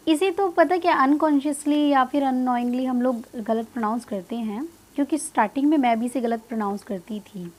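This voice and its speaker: A woman with an Indian English accent teaching English pronunciation, mixing in Hindi and drawing out each model word slowly for learners. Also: sits high, darkish tone. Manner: slow, drawn-out model words, repeated for learners; mixes Hindi with English phrases. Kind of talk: spoken language lesson.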